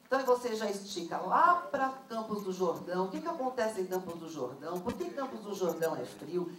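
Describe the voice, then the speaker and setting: A woman's voice: mid-range voice, brisk. A woman, leading a workshop for teachers and firing questions at the audience. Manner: lively, asks the audience questions. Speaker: teacher trainer. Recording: roomy, distant mic, noisy room.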